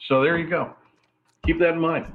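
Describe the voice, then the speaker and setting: Male radio co-host, offhand and joking, sounding like he's in a tube: tinny, phone-like computer mic, a higher voice with lively pitch. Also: normal speed. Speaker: radio talk show co-host. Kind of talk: casual morning radio banter. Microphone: computer's built-in mic.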